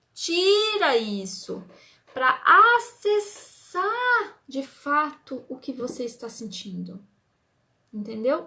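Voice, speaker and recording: A woman's voice: high-pitched, bright, forceful tone. A woman explaining flower remedies in a live stream, talking to her viewers and greeting them by name. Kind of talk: live-stream teaching talk.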